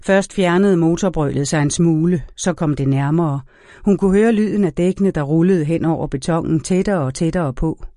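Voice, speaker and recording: A man narrates a novel in a measured, even way, telling the story at a steady pace. His voice sits a little high for a man but has a mellow, warm tone. It is recorded close and dry, with no room sound. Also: dry recording. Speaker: audiobook narrator. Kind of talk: scripted narration.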